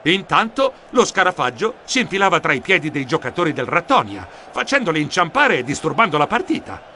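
A man narrating a children's storybook in a lively, expressive manner. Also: on the high side, noisy background. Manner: expressive, animated. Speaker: audiobook narrator.

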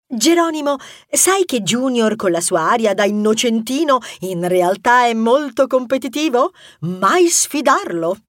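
A woman playing a cheeky, bold female mouse adventurer who teases her friends and bosses them around. Her voice sits high and leaps up and down constantly, close and dry as in a storybook audiobook. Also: lively intonation, a little slow, hardly any pauses, no room sound. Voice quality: teasing, playful, bossy. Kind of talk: audiobook character voice.

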